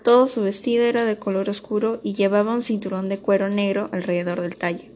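Audiobook narrator: a woman with a mid-range voice and a calm, measured storytelling delivery. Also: mid-range voice, slight background noise.

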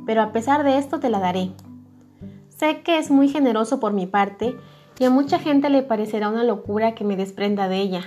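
A woman's voice: a little high, darkish tone, lightly acted. A woman voicing a smug, preachy miller. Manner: smug, lecturing. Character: self-satisfied preachy middle-aged miller man.

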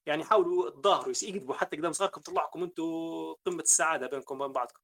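A man's voice: fairly high pitch, racing, a bit bright. A man with a Libyan Arabic accent hosting a panel discussion, earnestly advising parents. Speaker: host.

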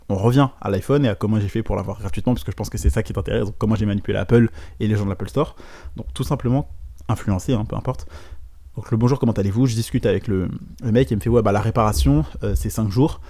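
A young man hosting a podcast, telling a story casually to the listener and acting out the lines of the people in it. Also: lowish voice. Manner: addresses listener directly, quotes dialogue with lively voices. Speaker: podcast host, business coach.

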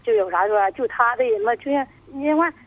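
A woman, calling in to a radio show and talking in a halting, rambling way. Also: a little high. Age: 50s. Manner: halting, rambling, stumbles over words. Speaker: caller. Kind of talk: radio call-in, telling her troubles. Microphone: telephone. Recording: tinny dry phone line.

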